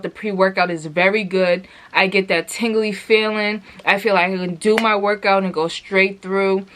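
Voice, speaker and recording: A woman's voice: mid-range voice, fairly bright tone. A woman giving a casual product review vlog, chatty and rambling with lots of fillers, talking straight to her viewers and asking them questions. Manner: addresses viewers directly, asks many questions.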